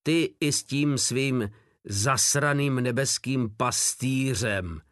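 A man's voice: mid-range voice, a bit bright, no room sound, studio quality, natural voice. A man voicing a furious, cursing male soldier in an audiobook war story. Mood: raging. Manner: raging, cursing.

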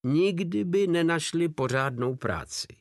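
A man doing a quiet wry soldier. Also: fairly high pitch, lively intonation, no echo, clean studio sound, pitched above the performer's own voice. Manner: quiet, measured.

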